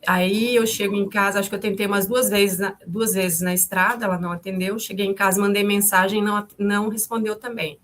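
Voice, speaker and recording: A woman in her fifties tells what happened in a halting testimony. She repeats and restarts her words often. Her voice sits at a middle pitch, with a faint hiss in the background. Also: steady tone. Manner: calls her own way of speaking harsh and loud. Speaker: mother of the victim, interviewee. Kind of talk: emotional testimony recounting events.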